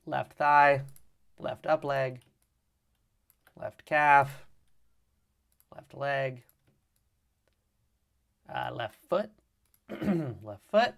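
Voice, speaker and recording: Throat-clearing man walking through software steps. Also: mid-range voice, very slow, long pauses. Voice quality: slight vocal fry. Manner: narrates each click and step as he works. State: keeps clearing his throat. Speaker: 3D animation presenter. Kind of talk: live software tutorial. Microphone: mic with problems on a livestream.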